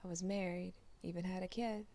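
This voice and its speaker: A woman reads as a self-assured human spacer in a storybook, breezy and offhand about the life he left. The voice is mellow and slightly gravelly. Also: fairly low pitch, fairly even intonation, fairly quick, lightly acted. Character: confident restless human spacer man.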